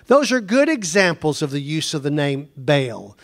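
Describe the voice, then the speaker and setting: A pastor preaching a conversational sermon, slowing down to stress words and then rushing ahead. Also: male voice, fairly high pitch, sing-song. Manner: conversational preaching, speeds up and slows down for emphasis.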